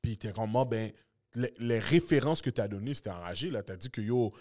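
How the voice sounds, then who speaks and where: A man, hosting a podcast in a slangy, halting casual style. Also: fairly low pitch, a little mellow.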